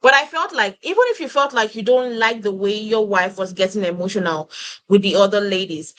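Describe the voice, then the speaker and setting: A woman's voice: medium pitch, brisk, fairly bright tone, low-quality recording. A woman on a reality TV review panel, talking earnestly and reasoning through her points with repeated words. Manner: earnest, reasoning aloud with repetitions. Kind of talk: casual reality TV review chat.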